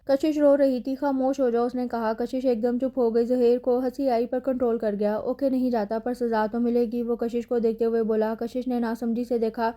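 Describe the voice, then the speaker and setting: A woman with a Pakistani Urdu accent reading a romantic novel aloud as a scripted audiobook narration, in an even, low-key way. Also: hardly any pauses.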